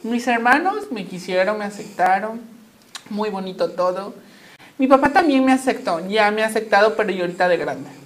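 A young woman with a Mexican accent, a guest telling personal stories in an animated, chatty way with frequent fillers and laughs. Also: mid-range voice, fairly quick. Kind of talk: personal storytelling in conversation.

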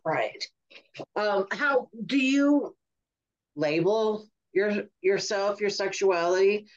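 A woman hosting a podcast, asking her guest questions in a measured, thoughtful way. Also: mid-range voice. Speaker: podcast host. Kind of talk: interview questions. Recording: dull lo-fi podcast audio.

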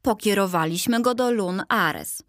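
A woman voicing a calm, wise old gentleman who is a living statue, talking slowly in an old-fashioned, kindly way. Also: mid-range voice, no echo, studio quality, natural voice.

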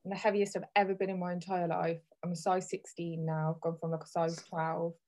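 A woman's voice: lowish voice, flat delivery, brisk, a little mellow, poor audio. Candid, chatty woman hosting a podcast, thirties. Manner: candid and chatty, laughs easily. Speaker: podcast host. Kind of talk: casual chat.

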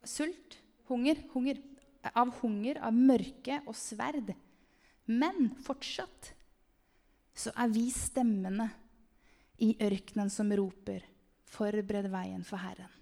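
A woman giving an animated, emphatic testimony sermon about a vision, sometimes calling out loudly to the listeners. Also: mid-range voice, gravelly, long pauses. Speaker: speaker sharing a vision. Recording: long hall reverb.

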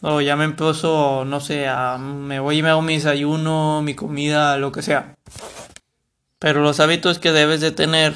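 A man's voice: on the high side, level tone, measured pace, a bit bright, slight background noise. A young man with a Mexican Spanish accent, talking casually to camera about a book, rambling and correcting himself. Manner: rambling, self-correcting, colloquial. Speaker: vlogger reviewing a book.

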